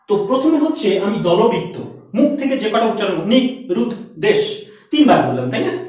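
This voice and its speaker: A high-voiced, animated male teacher walks students through a lesson step by step, asking questions and answering them himself. He sounds far from the mic, in a very echoey room. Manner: explains step by step, asks and answers own questions. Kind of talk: classroom lecture.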